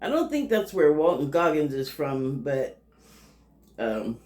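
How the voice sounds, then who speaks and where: A woman's voice: low voice, sing-song, a little slow, darkish tone. A woman giving a casual, rambling TV review monologue, laughing often and trailing off into fillers. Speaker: TV critic. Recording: roomy echo.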